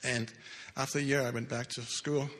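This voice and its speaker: An earnest older man, not a native English speaker, gives a personal testimony at church, telling his story with halting restarts. His medium-pitched voice is level and fairly bright. The hall is echoey with long reverb.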